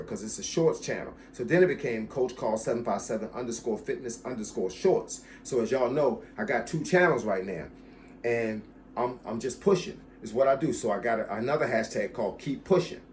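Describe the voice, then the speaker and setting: Speaking to camera about his channel, a fitness coach in his fifties uses a steady mid-pitched voice and calls his viewers "y'all." He's emphatic, repeating key phrases with relaxed warmth, over a faint hiss.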